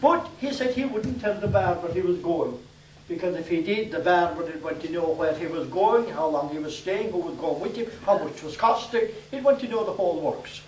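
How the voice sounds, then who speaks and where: A man's voice: high-pitched, animated, normal speed, a little mellow, a little hiss or hum. Older Irish man telling comic stories. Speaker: storyteller. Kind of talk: comic storytelling to a live audience. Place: day centre hall. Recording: echoey room from far off.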